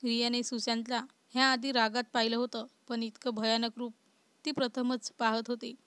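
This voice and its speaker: Flat, even-voiced woman storyteller. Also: fairly high pitch, normal speed, clean tone, no echo. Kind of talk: scripted story narration.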